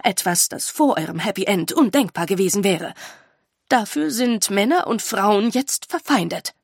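A woman voicing a calm, grave older female teacher who explains in a measured, earnest way. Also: medium pitch, creaky, breathy edge, dry recording, studio quality.

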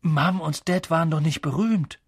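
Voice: medium pitch, moderate pace, slightly rough, no room sound, studio quality, voice pushed up. A narrator voicing a polite, bewildered young boy in an audiobook, asking hesitant questions. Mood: puzzled. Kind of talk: audiobook reading.

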